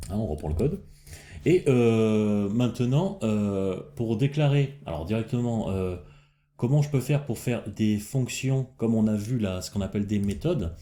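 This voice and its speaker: A man's voice: fairly low pitch, mellow, slight background noise. A man hosting a casual coding lesson, thinking aloud as he works, with frequent fillers and restarts. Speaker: programming tutorial host.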